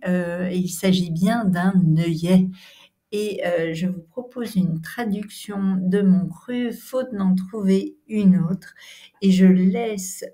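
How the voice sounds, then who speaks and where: A woman's voice: medium pitch, warm tone. A woman with a French accent hosting her channel, narrating a workshop visit in a hesitant way, with many fillers and some whispered asides. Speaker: channel host.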